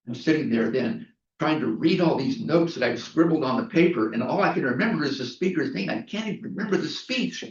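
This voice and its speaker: A man's voice: medium pitch, animated, brisk, recorded from a distance. A man giving a prepared inspirational speech at a club meeting, storytelling with emphatic repetition. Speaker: Toastmasters speaker. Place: meeting room. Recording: echoey room, mic from afar, dull.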